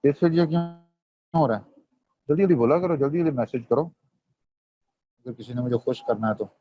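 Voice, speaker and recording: In dull, dry, lo-fi audio, a man with a mid-range voice speaks at a moderate pace. He's running an online medical revision lecture, quizzing students while mixing Hindi and English terms.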